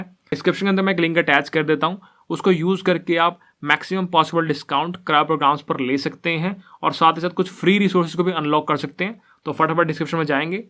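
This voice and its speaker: Brief: male ad reader, slightly high voice, upbeat promotional delivery. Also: bright, forceful tone. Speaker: sponsor read. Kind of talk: sponsored ad read.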